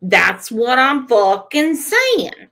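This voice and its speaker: High-pitched and creaky, she stretches out her words while hosting a casual live stream. She reads chat comments aloud and adds animated, emphatic, profane commentary, all while her voice is giving out.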